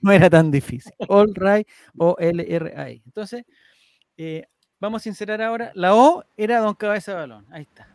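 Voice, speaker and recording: A man's voice: high-pitched, moderate pace, darkish tone, dry recording, studio quality. Man telling a rambling story. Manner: rambling, with restarts and laughs. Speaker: podcast host. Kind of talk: casual storytelling to co-hosts.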